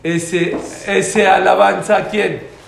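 A man's voice: sits high, flat delivery, slow, vocal fry. A man teaching a religious class. He is emphatic, repeats his key points and answers students' questions directly. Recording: roomy, faint background noise.

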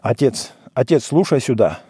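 A man's voice: mid-range voice, sing-song, normal speed, dark tone, slightly rough, no room sound, studio quality. A man reading a story aloud, voicing a restless, stubborn village man who talks bluntly and challenges. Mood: challenging. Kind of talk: literary reading.

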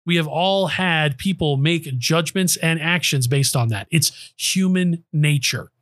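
Male podcast host, sarcastic and emphatic monologue, slightly high voice, dry close mic. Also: measured pace, a bit bright, no room sound. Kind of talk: political commentary monologue. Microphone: close studio microphone.

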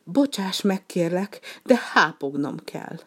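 A high, fussy little wild duck from a children's storybook, put on by a woman reading aloud. She pleads and complains in a sniffly, stuffed-up voice. Her tone is raised and strained above the reader's own. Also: expressive, slightly rough. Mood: pleading. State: sniffly with a cold.

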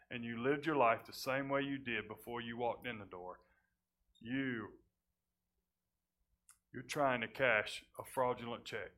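A man preaching a sermon as pastor, folksy and plain-spoken, rising loud and high on key points and dropping low and quiet between them.

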